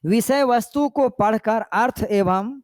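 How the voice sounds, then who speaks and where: An older male teacher with a high voice, speaking slowly through an exam-prep lesson. He keeps asking whether the class understands and reads some lines aloud with deliberate pauses. The sound is dry and close, with little room echo. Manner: checks understanding with repeated questions; demonstrates slow, paused recitation.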